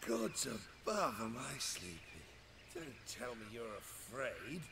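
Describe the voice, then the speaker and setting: An actor playing a boastful, tipsy soldier in a fantasy video game, with a gravelly, taunting delivery. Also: male voice, mid-range voice, huge pitch swings, takes it slowly, heavily acted. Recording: game audio with background noise.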